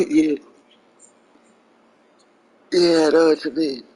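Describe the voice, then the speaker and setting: A man's voice: on the high side, steady tone, drawn-out words, darkish tone, breathy edge, rough recording. A man chatting casually over a video game, swearing freely and rambling through crude jokes. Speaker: streamer reacting to a video game. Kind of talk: casual profane gameplay chat.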